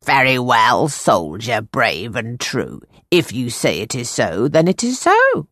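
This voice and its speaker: A woman voicing a gruff, scornful old female fortune-teller who speaks slowly and cryptically. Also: a bass voice, wildly swooping pitch, fairly bright tone, no echo, studio quality, exaggerated voice.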